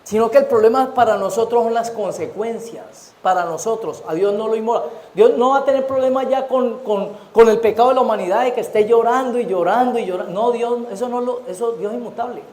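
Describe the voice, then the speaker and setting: A man's voice: very high voice, a little fast, hardly any pauses, darkish tone. A Colombian man preaching a sermon as pastor, often asking the congregation questions and waiting for their answers. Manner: asks the congregation rhetorical questions. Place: church. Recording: echoey church hall.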